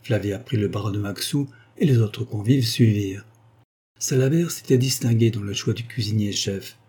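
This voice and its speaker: Mellow husky male audiobook narrator. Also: on the low side, moderate pace.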